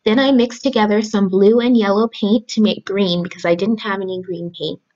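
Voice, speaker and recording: A young adult woman speaking to children in simple, deliberate phrases, as a storyteller and craft host. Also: medium pitch, steady tone, dark tone, lo-fi sound. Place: small room at home, indoors.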